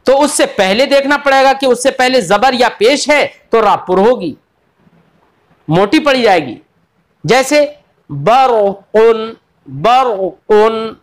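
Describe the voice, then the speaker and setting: A man's voice: high-pitched, a bit bright. A man giving an online Quran recitation lesson, patiently repeating each rule, drawing out example words, and addressing his students fondly as children. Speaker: tajweed teacher.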